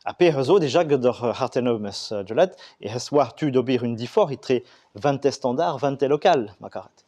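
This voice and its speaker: A man explains his subject in a halting way, stopping often on fillers and starting his phrases over. His voice is mellow and warm, pitched in an ordinary middle range. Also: lively intonation. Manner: halting, many fillers and restarts. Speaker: Breton language speaker discussing regional and school Breton. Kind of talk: explanatory talk.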